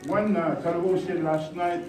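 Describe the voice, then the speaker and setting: In an echoing church hall, a Samoan-speaking pastor with a high voice delivers a rousing revival sermon at normal speed, mixing in bilingual asides. He moves between quiet comments and shouted calls to the congregation, heard far from the microphone over steady noise and a background crowd.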